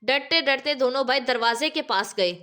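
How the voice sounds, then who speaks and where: High, bright-voiced woman storyteller. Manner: emotive, dramatic. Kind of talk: scripted story narration.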